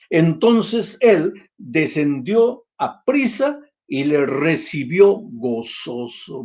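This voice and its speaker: A man's voice: on the high side, a little mellow. An older man with a Peruvian Spanish accent, preaching a sermon and telling an emotional story, often rising to emphatic cries. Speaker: pastor.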